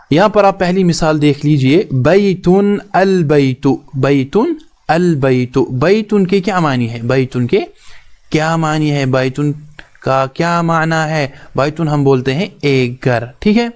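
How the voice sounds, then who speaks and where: A man teaching an Arabic grammar lesson. He asks the students a question, answers it himself, repeats key terms and mixes in English grammar words. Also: medium pitch. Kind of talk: recorded language lesson.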